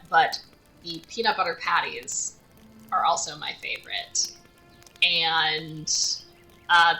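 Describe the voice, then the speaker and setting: Woman streamer, lowish bright voice, unhurried, chatty, faint game music behind. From United States. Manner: chatty, thinking aloud, talking to chat. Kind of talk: casual live-stream commentary while gaming.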